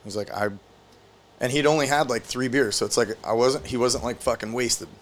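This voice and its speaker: A man's voice: medium pitch, brisk. A young man hosting a podcast, telling a story in casual, profane talk full of "like". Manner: rambling, profane, lots of "like". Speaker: podcast host.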